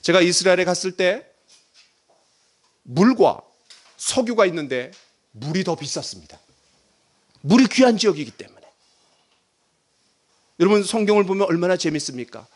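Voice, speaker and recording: A middle-aged male pastor preaching a sermon, dramatic, swinging between loud emphasis and hushed near-whispers and leading the congregation in reading aloud. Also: high voice, animated, normal speed, long pauses.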